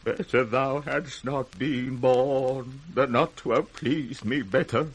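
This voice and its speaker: A man's voice: mid-range voice, fairly even intonation, slow pace, breathy edge. An actor playing an aging, proud and wrathful British king in a classical radio drama, declaiming imperiously. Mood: cold, unyielding. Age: older.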